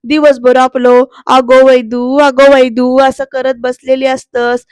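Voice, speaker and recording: A joking young man mocks in long, stretched phrases, as a woman acts him out. The voice is high and loud, recorded close and dry. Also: level tone, slow pace, clear, resonant tone, dry recording. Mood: teasing.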